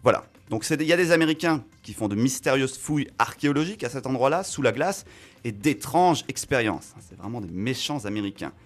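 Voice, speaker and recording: A man at a radio studio mic, delivering a relaxed film column in a chatty, self-mocking way. He stumbles through fillers and restarts as he talks. His voice sits at an ordinary middle pitch. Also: brisk. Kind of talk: casual radio film chronicle.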